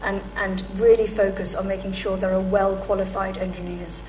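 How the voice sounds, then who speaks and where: A woman speaker answering audience questions at a lecture, measured and thoughtful, with frequent pauses. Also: medium pitch, little pitch movement, darkish tone, slight background noise, rough recording. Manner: measured, with frequent ums and restarts. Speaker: guest speaker.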